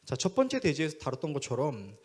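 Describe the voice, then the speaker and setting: A man's voice: on the high side, fast talker, breathy edge. A male pastor preaching a sermon, telling a story vividly and acting out the dialogue. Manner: animated storyteller who acts out dialogue.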